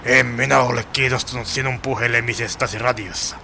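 A man voicing a dim, grumpy small-time crook in an amateur comic radio play, with a low, sulky, suspicious delivery. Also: steady tone, gravelly, pushed and bright, slight background noise.

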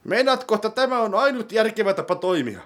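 A man putting on a squeaky, fretful whiner. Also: lively intonation, fairly bright tone. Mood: whiny. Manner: high, complaining, anxious questions. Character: fretful, whiny, easily worried man. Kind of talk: comedy sketch role-play.

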